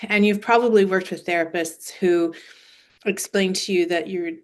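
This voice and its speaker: Woman, 40s, lower pitch, patient explainer with homely analogies; therapist giving an online talk. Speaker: osteopathic manual therapist. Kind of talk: presentation over shared screen.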